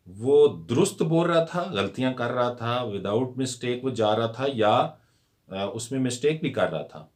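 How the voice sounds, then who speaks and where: A man gives an unhurried lesson, his voice sitting fairly low. He takes his time, repeating words one by one and dropping English terms into his explanation. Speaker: English teacher.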